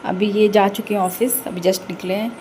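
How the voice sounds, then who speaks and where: A young woman narrates her morning routine for a casual home vlog, explaining each step as she moves around her kitchen and house. Her mid-range voice is warm and steady at a normal speed, with slight background noise.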